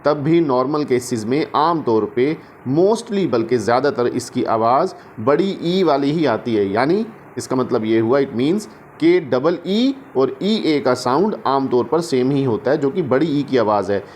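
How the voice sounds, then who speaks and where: A man teaching English phonics, sounding out each letter slowly and mixing English words into his Hindi explanations. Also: medium pitch, animated, a little mellow, slight background noise. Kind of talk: phonics lesson.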